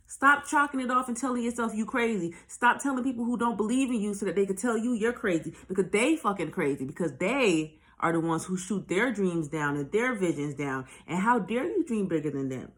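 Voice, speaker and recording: A woman's voice: medium pitch, expressive, fairly quick, few pauses, a bit bright. A woman speaking as a spiritual life coach in a casual motivational monologue, blunt and profane, pressing her points with repeated rhetorical questions. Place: at home, recording on her own.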